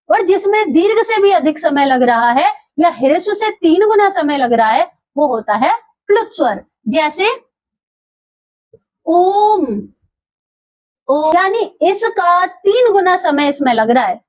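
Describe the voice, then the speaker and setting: A woman's voice: high voice, a little mellow, no room sound. A woman teaching a grammar lesson. She drags out sounds and repeats key terms for her students. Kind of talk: classroom lesson.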